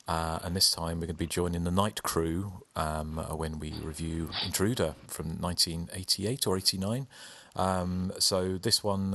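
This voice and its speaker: A man's voice: low-pitched, sharp tone, dry recording. A man hosting a casual film review podcast, speaking in a hesitant, rambling way. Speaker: podcast host.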